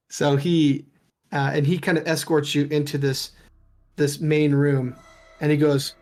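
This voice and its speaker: A man's voice: fairly high pitch, little pitch movement, slow, pauses often, a little mellow. A man narrating as game master of a tabletop game, in a casual, rambling way. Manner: casual, rambling, with many fillers.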